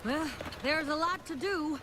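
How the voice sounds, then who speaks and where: An actress voicing a down-to-earth, hardworking country mare in a cartoon, speaking in a folksy, plainspoken way. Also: female voice, sits high, unhurried, noisy background. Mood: earnest. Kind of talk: cartoon voice acting. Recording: music under the dialogue.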